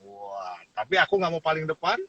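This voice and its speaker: Husky lively man telling a story. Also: on the high side, normal speed, dull audio. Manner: animated storyteller, laughs and acts out quotes. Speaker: pastor. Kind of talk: casual testimony in a talk show.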